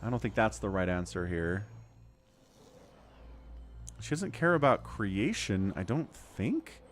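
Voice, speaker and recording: Animated man doing let's play commentary. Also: fairly low pitch, a little slow, a little hiss or hum. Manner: playful, thinking out loud. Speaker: game streamer playing a role-playing game. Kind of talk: let's play commentary, reading game text aloud.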